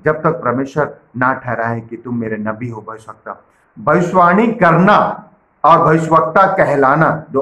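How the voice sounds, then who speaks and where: A pastor from India giving an earnest sermon and reading scripture verses aloud. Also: male voice, medium pitch, a bit bright, echoey room, low-quality recording.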